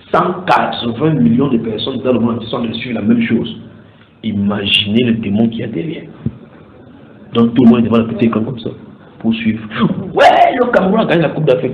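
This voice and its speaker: Animated male preacher, tinny echoey recording. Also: medium pitch. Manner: animated, rising to loud exhortation, mimics cheering fans. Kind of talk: sermon. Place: church hall. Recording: echoey room over a tinny phone-like line with faint noise.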